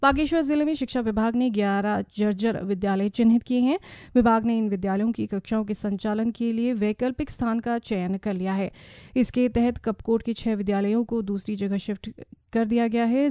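A woman news reader with a slightly high but mellow voice. She delivers a formal radio bulletin in a steady, measured rhythm. The studio sound is dry and close. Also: no room sound.

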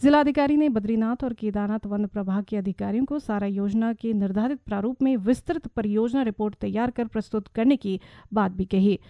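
A woman reading a regional radio news bulletin in a steady, measured, formal manner. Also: medium pitch, no echo, highs cut off. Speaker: news reader. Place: radio studio.

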